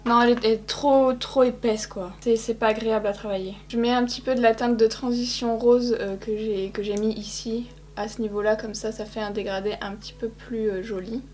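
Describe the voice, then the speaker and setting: A young woman chats her way through a makeup tutorial, speaking straight to her viewers and teasing herself. Her voice sits a little high. A faint hum runs under the recording. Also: steady tone, brisk, hardly any pauses, a little mellow. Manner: chatty, self-mocking, addresses viewers directly. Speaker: beauty vlogger. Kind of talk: casual makeup tutorial talk.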